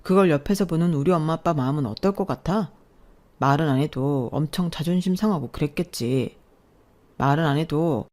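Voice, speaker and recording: A defensive young husband, voiced by a woman narrator, argues in a slightly lowered, mellow voice. He pleads and justifies himself in this storybook drama. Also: a little fast, close to an everyday voice. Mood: pleading. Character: young husband, defensive and whiny, sides with his mother.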